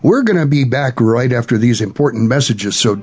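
A man's voice: medium pitch, expressive, brisk. A man hosting a radio show, announcing the program and its guests to listeners. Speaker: radio host. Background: music.

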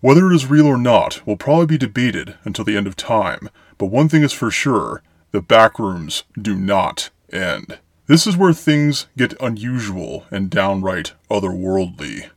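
A man's voice: fairly low pitch, animated, moderate pace, few pauses, no echo, studio quality. A man narrating eerie horror tales as a show host, in a grandiose, florid, theatrical storyteller manner. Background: music.

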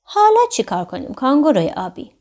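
A bright, determined little girl from a children's storybook speaks eagerly in a high, lively voice, as a woman narrator puts her on. Her tone stays mellow and warm. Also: heavily acted.

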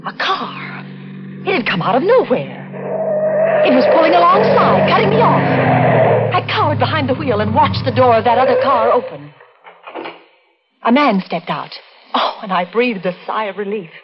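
A woman's voice: on the high side, very animated, moderate pace, long pauses. A woman playing a nervous young woman driving alone at night, narrating and speaking in tense 1940s radio drama style. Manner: tense, breathless, first-person narration. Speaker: lead actress and narrator. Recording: dull old radio recording with music.

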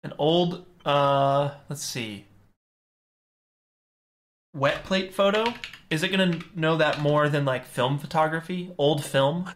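A man's voice: a little high, slow pace. A man co-hosting a casual livestream, trading laid-back jokes. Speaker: livestream co-host.

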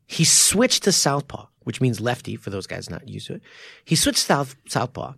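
A man's voice: medium pitch, big pitch swings, normal speed, creaky, a bit bright, husky, no echo. A man co-hosting a podcast, casually and enthusiastically explaining fight technique in a studio. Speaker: podcast co-host.

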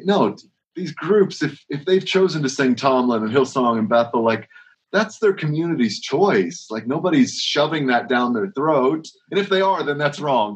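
Heard with its high frequencies cut off, a worship leader's mid-range voice rambles through a casual interview. He restarts frequently and asks one rhetorical question after another.

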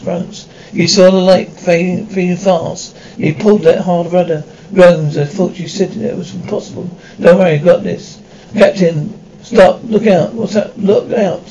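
High-voiced man acting out stumbling military drama characters. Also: fairly even intonation, moderate pace, dark tone, lo-fi sound, slight background noise. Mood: urgent.

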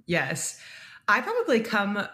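A woman's voice: medium pitch, huge pitch swings, takes it slowly, sharp tone. A woman in her twenties co-hosting a podcast, friendly and loose, laughing easily as she talks. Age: 20s. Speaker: podcast co-host. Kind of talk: casual podcast chat.

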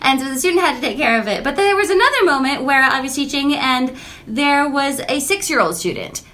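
A woman in her thirties, a music teacher, chatting casually and telling animated stories about her lessons. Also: fairly quick, a little hiss or hum. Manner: animated storytelling, acts out quotes in a high voice.

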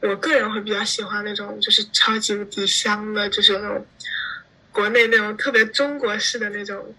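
A teenage girl from China, chatting as a guest in an interview, animated and quick to laugh. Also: mid-range voice, low-quality recording. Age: teens. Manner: chatty, animated, laughs often while explaining. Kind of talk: casual interview chat.

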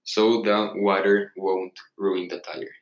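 Young guy explaining slowly, stops and starts, lowish voice, room echo. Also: little pitch movement. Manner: halting, unhurried answers with pauses. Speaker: guest expert. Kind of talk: casual interview. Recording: echoey room.

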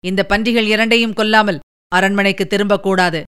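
Woman reading bold headstrong prince in an audiobook, bossy and quick, clear smooth voice. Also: mid-range voice, fairly even intonation, a bit bright, pitched below the performer's own voice, close to an everyday voice. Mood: challenging. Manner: commanding, challenging. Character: bold, headstrong young male crown prince.

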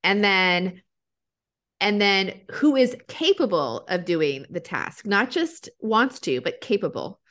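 A woman's voice: medium pitch, sing-song, slow, fairly bright tone. A woman in a casual conversation, talking informally and thinking aloud with lots of filler "like".

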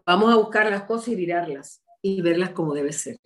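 A woman's voice: on the low side, a little fast. A woman gives a testimony and sermon, telling her story vividly and acting out the dialogue. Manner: animated storytelling, acts out dialogue. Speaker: preacher.

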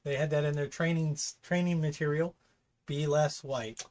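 A man's voice: on the high side, fairly even intonation, moderate pace, a little mellow. A man in his fifties from California, co-hosting a casual opinion chat and bluntly repeating his points. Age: 50s. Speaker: podcast co-host.

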